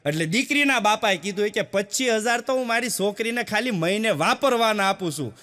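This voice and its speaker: A man's voice: sits high, lively intonation, a little fast, pushed and bright, in a large hall. A man from Gujarat, telling village jokes on stage and acting out both sides of each exchange. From Gujarat, India. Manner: tells village jokes with quoted dialogues, repeats punchlines. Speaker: stand-up comedian. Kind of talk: folksy stand-up joke telling. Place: stage show before an audience.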